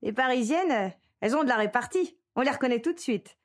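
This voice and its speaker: A woman's voice: on the high side, animated, brisk, pitched above the performer's own voice, close to an everyday voice. A woman voicing a crude, boastful male hunter who drives a truck, in a coarse bragging manner. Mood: teasing.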